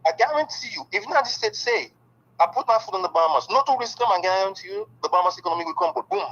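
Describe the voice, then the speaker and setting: Animated man, peppering talk with "okay". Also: high-pitched, rapid-fire, lo-fi sound. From Haiti. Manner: excited, emphatic, peppers speech with "okay". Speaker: interviewee. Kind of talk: candid interview conversation.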